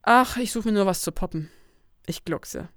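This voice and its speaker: A woman voicing a brash, teasing young female friend who talks loudly and cheekily. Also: medium pitch, animated, normal speed, no room sound, studio quality, pitched above the performer's own voice. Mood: cheeky. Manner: loud, bubbly and cheeky.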